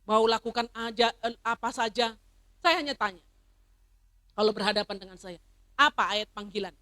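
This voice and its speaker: A middle-aged woman pastor preaching a sermon, swinging from loud emphatic declarations to soft personal stories. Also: on the high side, fairly even intonation, normal speed. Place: church service.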